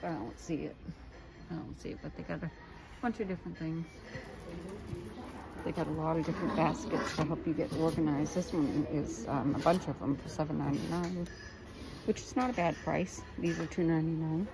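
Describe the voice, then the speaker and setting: A vlogger with a low, steady voice and vocal fry talks briskly as she films herself on her phone in a big store. She chats casually about what she sees and points out prices, with store noise all around.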